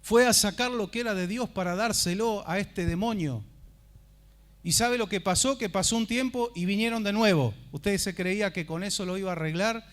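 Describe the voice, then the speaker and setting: A male pastor preaching a sermon at a church service, telling the story dramatically and swinging from hushed to loud. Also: high-pitched.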